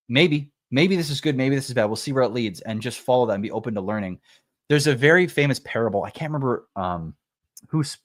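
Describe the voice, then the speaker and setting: A man's voice: medium pitch, no room sound, studio quality. Rambling man musing on a livestream. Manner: rambling, with many fillers and self-corrections. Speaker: livestream host. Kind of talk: casual reflective livestream talk.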